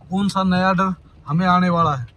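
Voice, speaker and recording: Man, travel vlogger, casual car commentary, fairly high voice, faint road noise. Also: steady tone, normal speed, pushed and bright, rough recording. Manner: chatty, addresses viewers as brother, worried tone. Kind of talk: casual driving vlog commentary. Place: inside a car in traffic, outdoors around.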